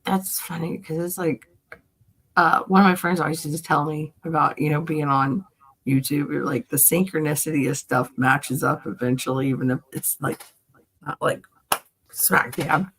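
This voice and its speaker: Lowish raspy lady just chatting, joking around, bit salty and rambly. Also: steady tone, moderate pace, a bit bright, low-quality recording. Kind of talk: casual chat.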